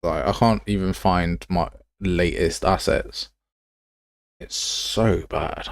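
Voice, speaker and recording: This livestream host talks in a low, gravelly voice at a slow pace, muttering complaints and thinking out loud while looking through software assets. The studio-quality audio has no room sound.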